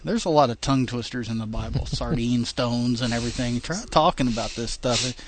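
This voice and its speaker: Reading lengthy scripture aloud, this casual podcast co-host stumbles, laughs at the phrasing and chats in the gaps. He speaks briskly at medium pitch with fairly even intonation over a noisy background.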